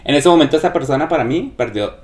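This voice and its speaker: With a fairly high pitch and a fast delivery, this man shares gossip as a podcast co-host, playing the animated storyteller and performing each quoted voice.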